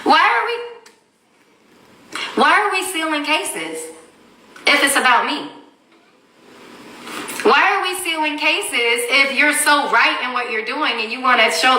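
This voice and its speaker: On a phone livestream, a woman in her thirties tells her story as a mother in a blunt, angry, profane rant. Her high-pitched voice is pushed and bright, unhurried with long pauses, and carries a little hiss or hum. The room is echoey and she sits far from the mic.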